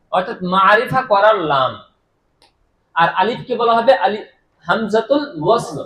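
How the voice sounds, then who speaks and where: A man teaching Arabic grammar to a class. He repeats key terms, quizzes his students with questions he answers himself, and draws out his example words slowly. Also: high-pitched, fairly bright tone. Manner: drawn-out, deliberate pronunciation of example words. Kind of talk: classroom lecture. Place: madrasah classroom. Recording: echoey room.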